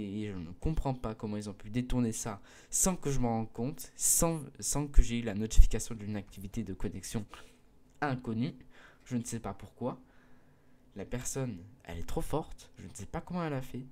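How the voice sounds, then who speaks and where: A mid-teens boy who makes gaming videos explains something casually to his viewers in a mellow, fairly low, expressive voice at normal speed. He's hesitant, with many fillers and restarts, and earnestly pleads with his audience.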